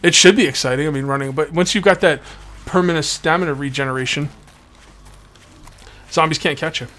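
He speaks a little fast, in a slightly high and somewhat bright voice. A host of a video game let's play series, he gives casual, rambling commentary, repeats himself, and has a sore tongue from biting it. Video game ambience adds background noise to the recording.

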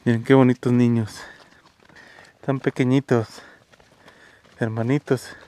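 A man with a Mexican Spanish accent hosting an on-location vlog outdoors in a rural village, speaking in a folksy, warm way. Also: mid-range voice, little pitch movement, slow pace. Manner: warm, folksy, talks gently to children. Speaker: host.

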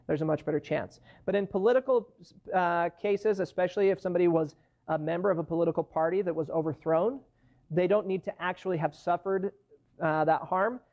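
A man's voice: a little high, creaky, darkish tone. A man in his thirties, an immigration lawyer, giving a conversational classroom lecture from a lectern and explaining through worked case examples. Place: university lecture hall, standing at a lectern. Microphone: far camera in the room. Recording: dull lo-fi classroom recording.

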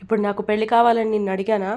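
A woman's voice: medium pitch, little pitch movement, very fast, natural voice. A woman doing a curt, bossy young man. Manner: curt, commanding, shouts. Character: angry young man, bossy son and father.

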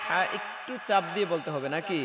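A male Quran teacher leading a pronunciation lesson, coaxing learners through loud repeat-after-me drills and asking rhetorical questions. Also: high voice, quick pace, a crowd in the background. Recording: echoey hall with music behind.

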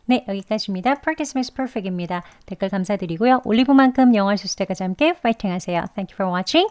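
Woman teaching pronunciation, patient, goes step by step, slows down for demos, middle pitch. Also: animated, a little mellow, clear, resonant tone. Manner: patient, step-by-step explaining, demonstrates sounds slowly. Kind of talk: pronunciation lesson.

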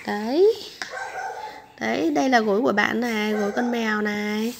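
A young mother talks in a slow, coaxing way to her baby and chats to her followers. Her voice is hoarse and gravelly from a lingering flu, pitched a little high. It is recorded at home, with steady noise behind her. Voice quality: gravelly, husky voice. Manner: coaxing baby talk mixed with chatty asides to viewers. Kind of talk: casual home vlog. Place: home bedroom, on the bed.

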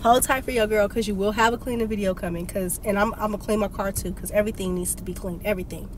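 Sitting in a parked car, a sick, congested young woman vlogger rants casually and tells a story animatedly, filmed by a phone camera on the dashboard. Her mid-range voice is steady and quick, with a little hiss or hum.

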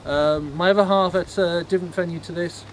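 Man, higher-pitched voice, ghost tour guide, informal, halting, matter-of-fact, noisy night recording. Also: steady tone. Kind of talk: informal explanatory talk to a tour group. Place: on a night walking tour, in the dark.

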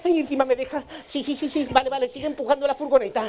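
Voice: high voice, fairly even intonation, racing, a little mellow, close to an everyday voice. A performer playing a flustered young male event organizer who stammers nervously, on a live outdoor stage. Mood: stammering. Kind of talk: live comic stage acting.

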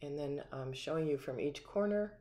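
A low-pitched, mellow American woman narrates a walkthrough home tour from behind a handheld camera. She sounds upbeat and ticks off each feature in turn, in a small empty room. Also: normal speed. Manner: upbeat, lists features one by one. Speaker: community home tour guide.

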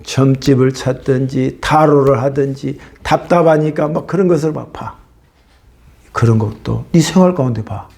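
A male pastor preaching a sermon, swinging between loud emphatic bursts and hushed whispers. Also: mid-range voice, normal speed, gravelly.

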